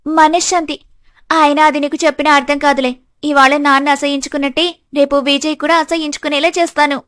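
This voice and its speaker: Woman doing a sneering cartoon sister-in-law, spiteful and gloating, higher voice, dry close mic. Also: flat delivery, fast talker, fairly bright tone, no room sound. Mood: scheming. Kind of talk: animated storybook voice acting.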